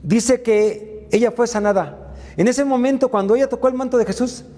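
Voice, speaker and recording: High-voiced man preaching faith. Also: normal speed, warm tone, long reverb tail. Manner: retells Bible stories with many filler sounds. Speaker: faith mentor and speaker. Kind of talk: motivational faith talk.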